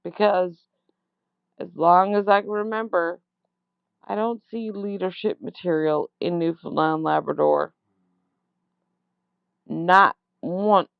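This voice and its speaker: A woman leaving a long complaint voicemail, speaking in an accusatory, emphatic and halting way, repeating words for stress. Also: on the low side, fairly even intonation, gravelly, clear, resonant tone, no echo. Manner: slow, deliberate, halting phrasing. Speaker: caller. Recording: dull lo-fi voicemail phone recording.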